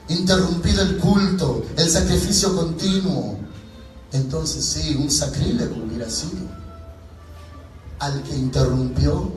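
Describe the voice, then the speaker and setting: A man with a Mexican Spanish accent preaching a sermon, impassioned, repeating phrases and climbing to near shouts. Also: mid-range voice. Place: church sanctuary. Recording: very echoey church hall from far off, faint music.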